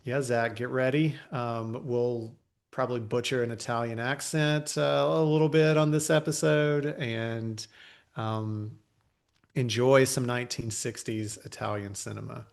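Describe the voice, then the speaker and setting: Male podcast co-host, mid-pitched, gravelly, rambling and casual. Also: steady tone, a little slow. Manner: rambling, many fillers and restarts. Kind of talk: casual movie podcast chat.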